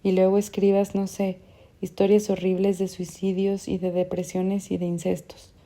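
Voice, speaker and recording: A woman's voice: medium pitch, monotone, normal speed, mellow, close to an everyday voice. A woman voicing a frustrated young man who questions bluntly and insistently, in an audiobook. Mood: accusing.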